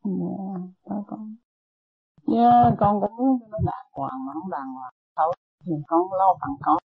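Husky older woman on a tinny tape. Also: medium pitch, expressive, measured pace. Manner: hesitant, stumbles and repeats words, deferential. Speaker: meditation disciple. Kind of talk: asking a teacher for advice.

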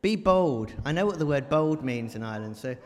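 Man, guest preacher, jokey and chatty, quizzes the room, mid-pitched voice in a reverberant church. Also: animated, brisk, a little mellow. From England. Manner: chatty and joking, quizzes the audience. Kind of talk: church talk. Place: large church.

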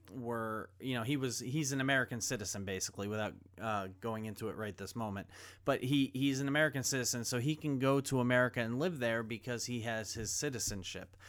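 A man's voice: mid-range voice, a bit bright, clear, resonant tone. A man preaching a sermon, reading scripture and then retelling a film scene in a conversational way. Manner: conversational storytelling, acts out quoted dialogue. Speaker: pastor.

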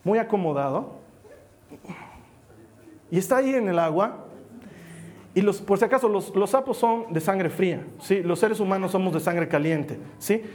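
High-voiced male pastor preaching. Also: expressive, normal speed, long pauses, a little mellow. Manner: conversational, asks listeners for assent; plays out a story with small acted quotes. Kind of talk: sermon.

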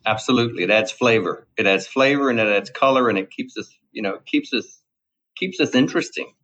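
Speaking a little fast in a mid-range, somewhat bright voice, a middle-aged guest from Louisiana, USA, chats casually in an interview. His Cajun accent comes through as he rambles and repeats himself, captured on dull lo-fi audio.

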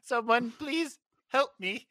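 A man's voice: extremely high pitch, lively intonation, takes it slowly, pushed and bright, no room sound, studio quality, pitched above the performer's own voice, exaggerated voice. A man voicing a flustered female robot beauty contestant who glitches, stutters and repeats error words in bursts. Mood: glitching, flustered. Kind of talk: tabletop roleplay in-character speech.

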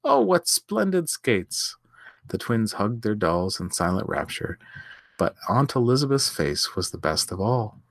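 A man, the host, reading a story aloud in a measured, expressive way. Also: lowish voice, dry recording, clean studio sound.

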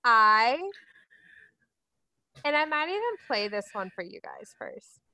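Bubbly high-voiced woman co-host. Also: very animated, slow, sharp tone, low-quality recording. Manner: bubbly, encouraging. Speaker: podcast co-host. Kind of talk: casual chat, game quiz.

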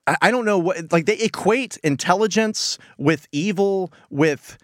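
A man's voice: sits high, a little slow, fairly bright tone, dry recording, clean studio sound. An American man co-hosting a podcast, giving a casual comedic recap in a rambling, incredulous manner. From United States. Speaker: podcast co-host.

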